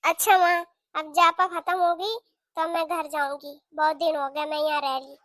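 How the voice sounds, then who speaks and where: A woman voicing a sharp-tongued young sister-in-law in a cartoon, who argues and complains indignantly. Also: high voice, flat delivery, normal speed, no room sound, studio quality. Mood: grumbling. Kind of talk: cartoon voice acting.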